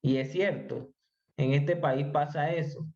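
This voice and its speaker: A man as an interview guest, explaining his views in a measured way, with frequent hesitations. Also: fairly high pitch, fairly even intonation, dark tone. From Colombia. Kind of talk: conversational podcast interview. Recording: slightly muffled audio.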